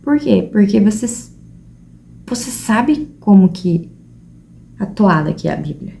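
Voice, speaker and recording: A woman's voice: mid-range voice, big pitch swings, measured pace, creaky, dark tone. A young Brazilian woman with a Brazilian Portuguese accent, talking earnestly and casually to her viewers at home, seated at a table. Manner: earnest, conversational, addresses viewers directly. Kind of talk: casual reflective talk to camera.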